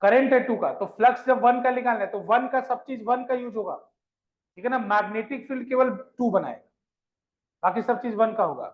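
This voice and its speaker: A male physics teacher with a very high-pitched voice lectures a live class at a moderate pace, asking and repeating questions and fondly coaxing his students along, calling them children. The sound is dull and lo-fi.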